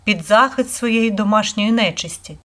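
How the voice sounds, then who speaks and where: A woman's voice: medium pitch, moderate pace, a bit bright, natural voice. A woman voicing a decisive, commanding elder sister in a read-aloud storybook, giving orders in a firm way.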